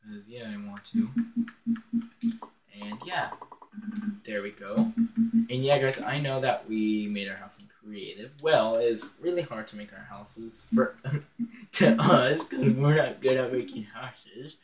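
A man's voice: medium pitch, expressive, slow, a little hiss or hum. A teenage boy at home in his bedroom, rambling and giggling through casual game commentary, recorded on a phone on a stand. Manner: rambling and giggly, with many ums. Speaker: gaming channel host.

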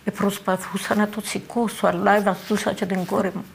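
An older woman with a Cypriot Greek accent giving halting eyewitness testimony, repeating words and phrases as she talks. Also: mid-range voice, flat delivery, creaky, a little hiss or hum. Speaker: eyewitness interviewee.

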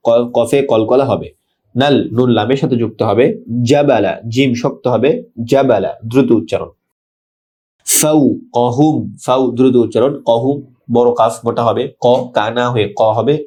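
A Bangladeshi man teaching tajweed. He recites verses slowly and drawn out, then explains each sound in quick plain speech. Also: medium pitch, darkish tone. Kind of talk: tajweed lesson, word-by-word explanation.

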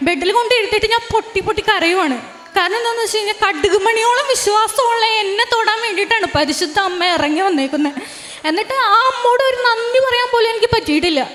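A young woman with a very high, light voice tells her religious testimony, earnest and halting, often breaking off and restarting. Her voice rings with a long reverb, as if she is speaking in a large, echoing room. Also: animated, a bit bright. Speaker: testifying believer.

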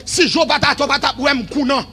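High voiced preacher guy hollering a revival sermon, bright tense tone, music under it. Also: fairly even intonation, moderate pace. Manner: shouted, sing-song preaching that drops to quiet asides.

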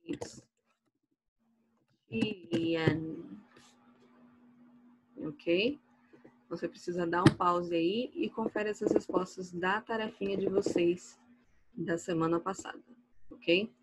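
A Brazilian woman with a Brazilian Portuguese accent teaches a recorded online English class, explaining slides patiently, slowly and clearly and asking "ok?" after each point. Her voice is lowish and steady, with a noisy background.

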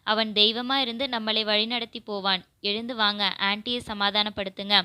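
A woman voicing a calm young man gently consoling grieving elders. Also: medium pitch, moderate pace, smooth, dry recording, lightly acted.

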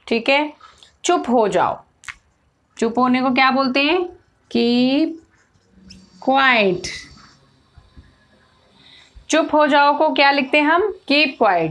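Slow, high-voiced woman teacher. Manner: slow, explains each phrase word by word. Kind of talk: spoken English lesson for children.

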